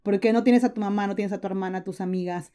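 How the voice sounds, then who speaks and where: Podcast guest: earnest young woman, mellow tone, emphatic delivery. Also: medium pitch, steady tone, fast talker. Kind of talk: conversational interview.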